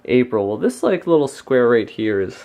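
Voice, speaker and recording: Casual vlog storyteller, mid-range voice, animated retelling with imitated reactions. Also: mid-range voice, moderate pace, creaky. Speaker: vlogger. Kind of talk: casual storytelling chat to camera.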